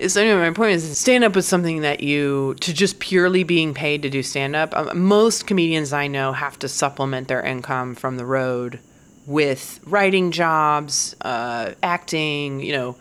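A woman's voice: low-pitched, moderate pace, smooth. A woman comedian in her forties, talking in a candid, profane casual monologue and laughing now and then. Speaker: stand-up comedian.

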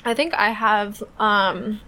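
Young woman podcast co-host, slow relaxed casual chat, mid pitch. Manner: relaxed, unhurried, chatty with fillers.

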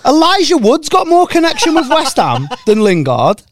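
A man's voice: very high-pitched, wildly swooping pitch, moderate pace. A young man in his twenties, co-hosting and joking in casual banter, swearing freely. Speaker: podcast co-host.

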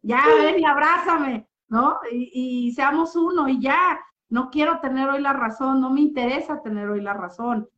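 A woman's voice: sits high, moderate pace, a bit bright. A woman gives a heartfelt personal therapy testimony. She talks expressively and often checks in with tag questions. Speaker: guest giving a therapy testimony. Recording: muffled lo-fi audio.

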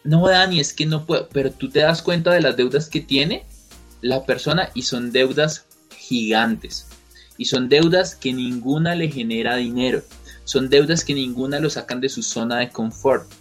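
A man's voice: medium pitch, a little slow, soft background music. A man giving a motivational talk to camera, emphatic and repetitive, firing rhetorical questions at the listener. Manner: acts out quoted people. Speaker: motivational coach.

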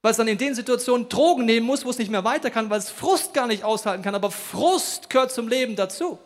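A man preaching a lively sermon at a church service, telling stories and acting out the voices of the people in them. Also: extremely high pitch, quick pace. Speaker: pastor. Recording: long hall reverb.

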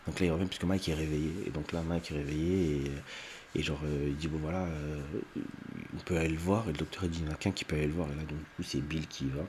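A man with an extremely deep voice recaps a film for his video audience, loose and unscripted, stumbling through fillers and restarts. Now and then he jumps up in pitch to act out a character's line. A faint hiss runs under the recording. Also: fairly even intonation, quick pace, darkish tone. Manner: rambling, many fillers and restarts; briefly acts out lines in raised voices. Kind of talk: unedited casual retelling.

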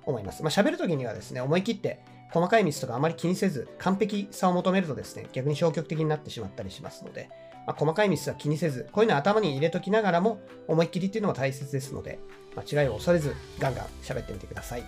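Quick, lively Japanese English teacher. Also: medium pitch, soft background music. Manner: friendly, encouraging explainer. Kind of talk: explanatory grammar lesson.

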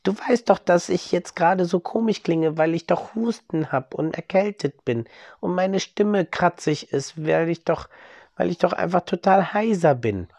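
A man voicing a mother with a cold, speaking in a scratchy, hoarse voice in a bedtime story. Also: fairly low pitch, animated, a little slow, darkish tone, no echo, pitched above the performer's own voice. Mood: explaining.

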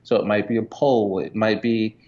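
A man's voice: fairly low pitch, moderate pace. A man from Jamaica, a guest entrepreneur and photographer, talking casually in an interview with many fillers. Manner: relaxed, conversational, many fillers. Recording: dull lo-fi sound.

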